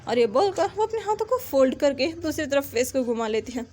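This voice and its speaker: A woman's voice: sits high, big pitch swings, brisk, darkish tone, a little hiss or hum. A woman narrating a story retelling in a conversational way, sometimes correcting herself.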